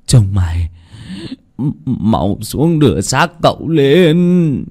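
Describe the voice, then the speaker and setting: A man's voice: mid-range voice, sing-song, slow, darkish tone. A man voicing an older village chief who questions and orders urgently. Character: stern old village chief, shaken.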